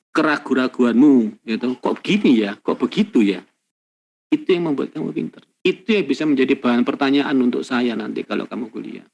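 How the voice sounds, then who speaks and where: A man's voice: medium pitch, creaky, a little mellow. A man giving a university lecture, emphatic and repetitive, with many rhetorical tag questions. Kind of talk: classroom lecture.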